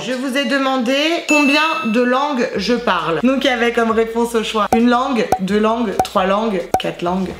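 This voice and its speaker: Chatty young woman in an echoey room. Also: a little high. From Azerbaijan. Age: 20s. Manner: chatty, playful and self-mocking, slangy. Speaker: YouTuber. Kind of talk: casual vlog chat to viewers.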